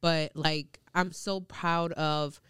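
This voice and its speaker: A woman's voice: low voice, steady tone, slow, fairly bright tone, clear, resonant tone, dry recording, studio quality. A young woman hosting a podcast, talking candidly in slangy casual chat with plenty of swearing, a little congested. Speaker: podcast host.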